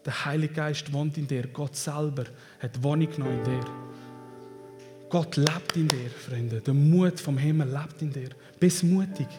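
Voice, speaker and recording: A man preaching a sermon with a Swiss German accent, animated, swinging between loud declarations and hushed asides. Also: a little high, a little slow, over music. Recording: long hall reverb.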